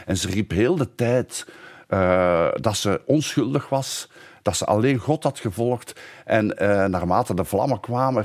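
An older man, a historian, telling a story animatedly in an interview, slowing down for emphasis. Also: lowish voice, husky. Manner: animated storyteller, slows for emphasis, many fillers. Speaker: historian guest.

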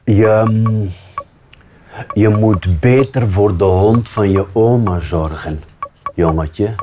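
A man's voice: lowish voice, takes it slowly, background noise. A man with a Flemish accent reading a children's book aloud, voicing a mocking, condescending grown man. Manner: sneering, teasing.

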